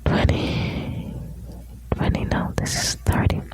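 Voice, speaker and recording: A woman whispers slowly, right up by the ear, in an ASMR style. She is soothing and intimate, reading short lines and adding chatty asides as if to one listener. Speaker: ASMR host reading quotes.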